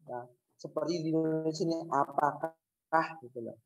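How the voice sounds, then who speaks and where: Man teaching class, rather high voice. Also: faint music behind, rough recording. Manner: asks the class questions and answers them himself; patient, repeats words slowly for drilling. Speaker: Arabic language teacher. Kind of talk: classroom lesson, reading words aloud for students to repeat.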